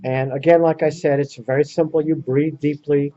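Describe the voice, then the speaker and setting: A man leading a workshop, telling a story to a small audience in an earnest, animated way. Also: a little high, moderate pace. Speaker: workshop leader. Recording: muffled lo-fi recording.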